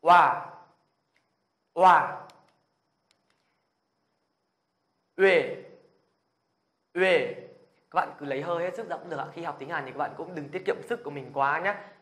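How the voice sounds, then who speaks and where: A man's voice: on the high side, very fast, fairly bright tone. A man teaching a beginner language lesson who keeps asking his viewers whether they follow, then drills the sounds aloud with energy. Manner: patient, checks in with the viewers after every point.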